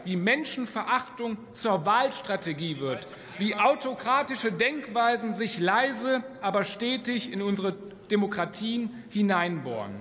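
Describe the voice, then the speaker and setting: Brief: male parliamentarian, high voice, passionate rhetorical speech, long hall reverb. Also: fairly bright tone. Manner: impassioned, rhetorical repetition. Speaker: member of parliament giving a speech. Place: large parliament chamber.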